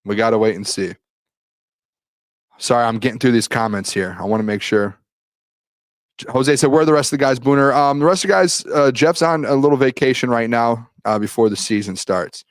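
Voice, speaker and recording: Fairly quick and medium in pitch, a young man's voice carries a solo sports live-stream recap in a dry, studio-quality recording. He wanders through the practice rundown with repeated restarts, reading chat comments aloud. Losing his voice, he clears his throat.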